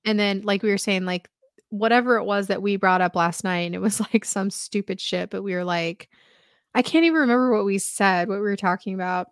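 Relaxed, hesitant woman co-host. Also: mid-range voice, fairly quick, smooth, no echo, clean studio sound. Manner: relaxed, hesitant, many filler words. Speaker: podcast co-host. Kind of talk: casual chat.

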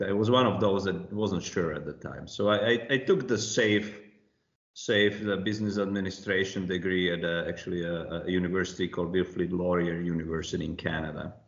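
Deep voiced guy in his 40s, slovak born, lots of ums, kinda muffled and echoey. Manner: hesitant, many fillers and restarts. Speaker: compliance consultant, guest. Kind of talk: casual interview talk. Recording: muffled, roomy remote audio.

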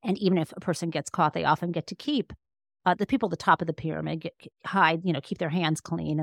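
Speaking in a deep voice, a woman guest, a law professor and author, explains things conversationally and frequently restarts her phrases while thinking. The recording is dry and of studio quality.

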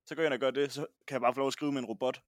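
A man's voice: medium pitch, fairly even intonation, no room sound, clean studio sound. A young man co-hosting a podcast in casual, informal talk peppered with swearing. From Jutland, Denmark. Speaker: podcast co-host. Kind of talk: casual chat.

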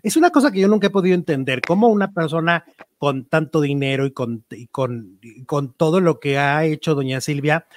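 A man's voice: on the high side, dry recording. A man chatting casually about celebrity gossip, talkative and opinionated, with many fillers. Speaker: entertainment news commentator.

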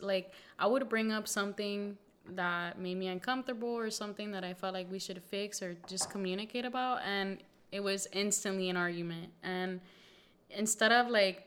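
A woman's voice: mid-range voice, steady tone, normal speed, a bit bright, smooth. A young woman with a Southern American accent co-hosting a podcast in casual chat, laid-back and agreeable. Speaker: podcast co-host.

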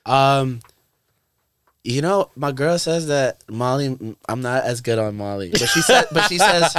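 Casual New York man, animated raconteur, dead-dry close mic. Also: mid-range voice, measured pace, clear, resonant tone, no echo. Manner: animated storyteller, acts out his own lines and others'. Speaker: podcast guest, DJ and producer. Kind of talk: casual chat.

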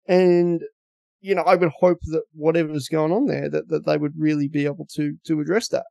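A man's voice: on the high side, fairly even intonation, a little fast, gravelly, a little mellow, no echo. An Australian man, a podcast contributor, giving blunt, rambling football analysis in casual chat, often repeating words.

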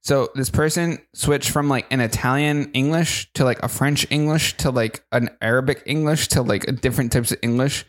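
A man's voice: medium pitch, moderate pace, few pauses. A man hosting a casual group chat, joking and teasing his co-hosts. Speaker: podcast host.

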